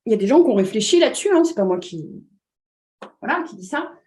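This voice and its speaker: A woman's voice: a little high, big pitch swings, fast talker, darkish tone. A woman, a communication trainer, giving an explanatory talk with frequent fillers and restarts, often checking in with her listeners. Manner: checks in with listeners with repeated 'd'accord?'.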